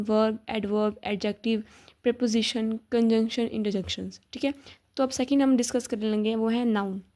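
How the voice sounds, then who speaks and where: Gravelly young woman explaining grammar. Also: a little high, mellow. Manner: patient, repeats examples, spells words out slowly. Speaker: teacher sharing study notes. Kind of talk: casual explanatory lesson.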